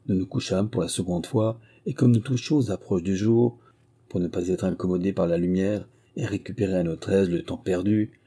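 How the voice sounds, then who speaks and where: A man reading a memoir aloud as an audiobook narrator, in a measured, literary storytelling manner. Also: low voice, warm tone, slightly rough. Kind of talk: scripted narration.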